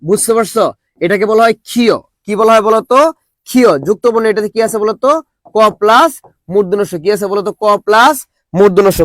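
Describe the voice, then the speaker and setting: A man's voice: high voice, no room sound. A young man teaching a live online Bangla class, joking with students and drilling them with call-and-response questions.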